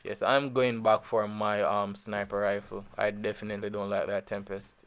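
A gaming channel host with a Jamaican accent gives laid-back, rambling commentary over his mobile shooter gameplay, full of fillers and repeats. His voice is lowish and a bit bright, with a level tone and moderate pace.

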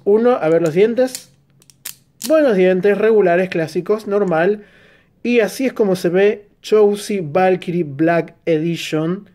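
An Argentine man with an Argentine Spanish accent, narrating a toy unboxing and review with excitable bursts of exclamation. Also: sits high.

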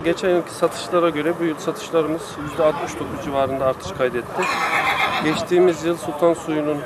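A man's voice: a little high, steady tone, normal speed. A man in his fifties giving a formal official statement to camera. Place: open grass yard by stables, outdoors. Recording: noisy outdoor location sound. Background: clear outdoor noise.

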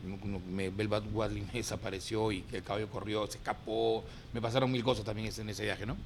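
A man's voice: on the low side, flat delivery, a little fast, slight background noise. A man with a Peruvian Spanish accent, a racehorse owner chatting as a studio guest, talking in an emotional, rambling way full of fillers. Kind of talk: casual studio chat.

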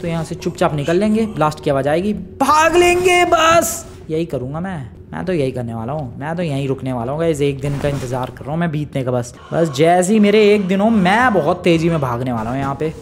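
A man giving lively, chatty commentary on his own gameplay, talking straight to his viewers. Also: fairly high pitch, fast talker, hardly any pauses, a little hiss or hum. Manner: excitable, chatty, talks to viewers as "bhai" and "guys". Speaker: gaming YouTuber.

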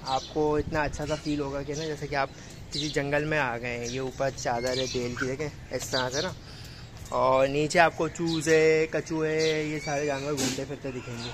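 On a casual vlog, a young man tours his outdoor animal farm on foot and speaks fondly to the animals while holding the phone camera out at arm's length. His medium-pitched voice is flat and at normal speed, with noise in the background.

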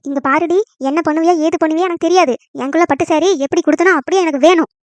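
A woman's voice: extremely high pitch, steady tone, a little mellow, no room sound. A woman voicing a short-tempered mother-in-law in a cartoon comedy, scolding and indignant. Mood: angry scolding. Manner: scolding, indignant, fast-talking when angry.

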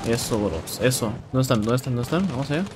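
A young man with a Mexican accent giving casual, excitable commentary while playing a shooter game, swearing and repeating words. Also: mid-range voice, quick pace. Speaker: gameplay streamer. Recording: game sounds and noise in background.

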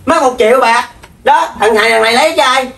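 A woman's voice: on the high side, fast, creaky, a bit bright. A woman, playing an accusing, scolding mother in a comedy sketch. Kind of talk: scripted comedy sketch acting. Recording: echoey room from far off.

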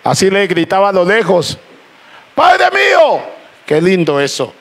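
A man preaching a sermon to a congregation, calling out praises between slow, emphatic phrases. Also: high-pitched. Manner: impassioned preaching with repeated "aleluya" and "gloria a Dios". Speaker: pastor. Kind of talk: Spanish-language sermon. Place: church hall with congregation. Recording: church crowd faintly audible. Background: congregation responding "amén".

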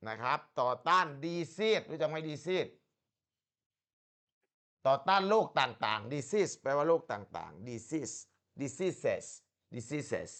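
Slightly high-voiced male English tutor. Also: very animated, fairly bright tone. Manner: explains in Thai, reads English slowly and carefully, encouraging. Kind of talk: one-on-one English lesson.

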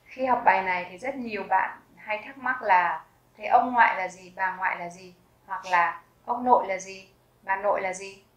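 A woman teaching vocabulary, repeating each word slowly and carefully. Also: mid-range voice, roomy sound, muffled recording. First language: Vietnamese. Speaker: German language teacher. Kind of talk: vocabulary lesson with slow repetition.

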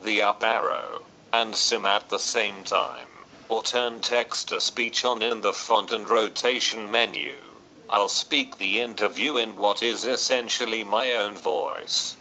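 Slow, bright synthetic British male voice. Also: on the low side, slight background noise, rough recording. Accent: British English. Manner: even, mechanical reading. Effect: synthetic text-to-speech voice played from an e-reader.

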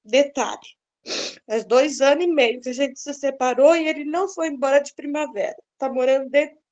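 A woman's voice: sits high, normal speed, darkish tone, lo-fi sound. A middle-aged woman, earnestly recounting a personal story and acting out the dialogue. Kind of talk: personal testimony, casual storytelling.

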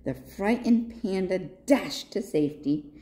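Expressive woman reading to children. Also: medium pitch, slow pace. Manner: expressive, asks listeners questions. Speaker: children's librarian. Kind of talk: picture-book read-aloud for children.

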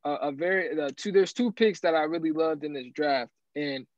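A man talking as a guest analyst on a sports show, animated and rambling, often restarting his sentences. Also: on the high side, normal speed, no echo. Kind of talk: casual sports talk. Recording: dry, dull lo-fi sound.

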